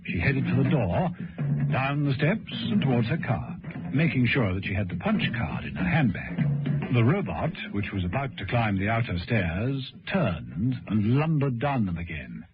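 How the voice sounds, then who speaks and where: Over loud music, a man with a mid-range voice narrates a vintage radio serial in a sing-song, slightly slow manner. His scripted delivery is dramatic and suspenseful. The sound has the muffled quality of an old radio broadcast recording.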